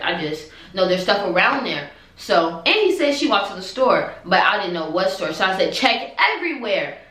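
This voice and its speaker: A young woman vlogger telling a storytime tale in an animated, dramatic, exasperated way. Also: mid-range voice, a little hiss or hum. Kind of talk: storytime vlog. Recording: echoey room.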